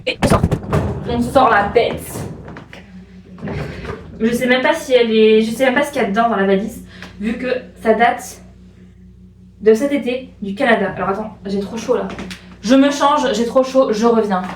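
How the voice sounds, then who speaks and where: A young woman from France talks straight to her camera in a bubbly, gushing way, circling back to the same excited points. Her voice sits a little high. The room around her rings with noticeable echo, and faint hiss lies underneath. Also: normal speed, pauses often. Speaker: vlogger. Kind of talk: casual vlog chat. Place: room at home.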